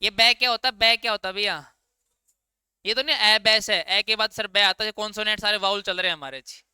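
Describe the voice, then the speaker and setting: A man's voice: high-pitched, steady tone, a little fast, sharp tone, clean tone, no room sound. A male teacher gives an informal classroom grammar lesson, quizzing his students and answering his own questions. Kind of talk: classroom lecture.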